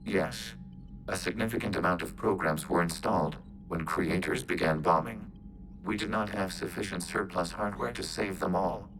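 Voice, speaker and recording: In a video game, a male actor voices a calm, logical machine intelligence that speaks as a collective in formal, detached phrases. His pitch is low and his pace moderate, with noise in the background.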